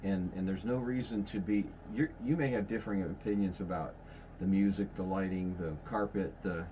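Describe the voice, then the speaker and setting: A man's voice: low voice, moderate pace, dull audio, noisy background. A man in his fifties hosting a podcast in casual chat, rambling and correcting himself as he goes. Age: 50s. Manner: rambling, self-correcting, folksy. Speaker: podcast host.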